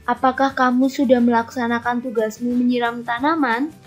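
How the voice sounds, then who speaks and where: A woman's voice: fairly high pitch, steady tone, normal speed, natural voice. A woman teacher reading a patient father's lines in her own everyday voice. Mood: explaining. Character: patient father explaining plant care. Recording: lo-fi recording with faint music.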